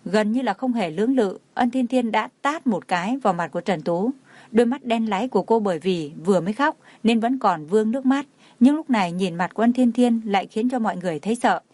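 A woman narrating a dramatic story as an audiobook in a steady reading voice. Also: medium pitch, a little fast, dry recording.

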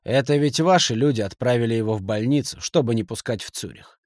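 A man's voice: mid-range voice, a little fast, a little mellow, dry recording, clean studio sound, close to an everyday voice. A man reading an audiobook, voicing a nervous, spiteful banker who snaps back tensely.

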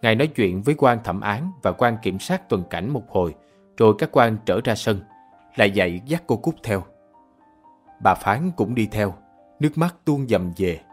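Low-voiced male storyteller. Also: animated, moderate pace, faint music behind. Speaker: narrator. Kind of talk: radio drama narration.

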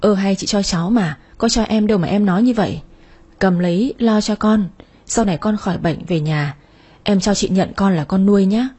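A woman's voice: mid-range voice, moderate pace, dark tone, breathy edge, natural voice. A woman voicing a kind, generous female company director who speaks in a caring, motherly way in an audio story.

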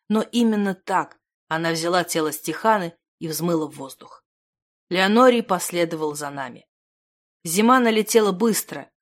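A woman reads a fantasy audiobook aloud. Her narration is steady and measured, with a voice of middle pitch. She tells the story in first person. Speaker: audiobook reader.

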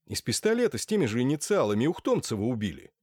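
A man voicing an eager young gentleman who speaks in hasty remarks. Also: mid-range voice, very animated, fast, breathy edge, dry recording, studio quality.

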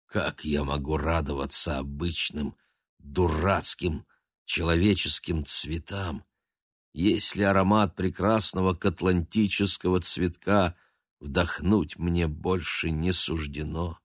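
Brief: male reader as a proud, melancholy house cat; slow, grave delivery with a wide swing in pitch. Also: lively intonation, no room sound, clean studio sound, heavily acted. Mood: mournful. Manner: mournful and solemn, bursting into shouts.

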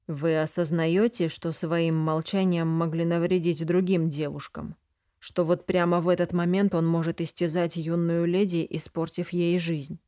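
A woman's voice: fairly low pitch, moderate pace, dry recording, studio quality, natural voice. Woman reading a cold, stern duke-mage. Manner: calm, cold, interrogating. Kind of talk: audiobook character reading.

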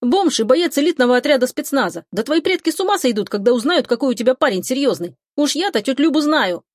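A woman's voice: high voice, lively intonation, quick pace, no echo, clean studio sound, voice pushed up. A woman voicing a clever, teasing young man, the narrator's younger cousin, in an audiobook. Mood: breezy. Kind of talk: audiobook character voice.

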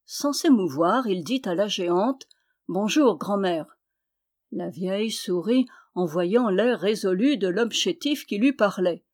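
A woman reads a folk tale aloud as storyteller, with a measured, expressive delivery. Her voice sits at a middling pitch for a woman.

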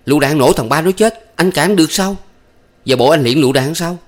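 A man's voice: fairly low pitch, a little fast, close to an everyday voice. A man reading a story, voicing a young village man who scolds and hurries his lover. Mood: scolding. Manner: urgent, scolding.

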